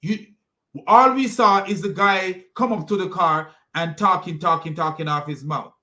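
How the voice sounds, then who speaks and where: With a high, bright voice and a forceful tone at normal speed, this Jamaican man delivers a rambling online rant as a religious commentary video host. He is mocking and scornful, repeating insults and restarting often.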